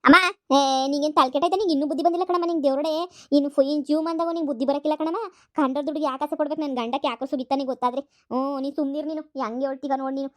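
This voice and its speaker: A woman's voice: high voice, steady tone, rapid-fire, a little mellow, lightly acted. A woman voicing a young village wife and daughter in a cartoon comedy. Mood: scolding.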